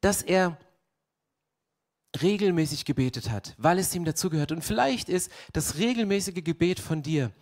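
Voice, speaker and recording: A young male pastor delivers a sermon in a lively storytelling way, acting out the scene and asking his listeners pointed questions. His voice sits high for a man. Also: normal speed.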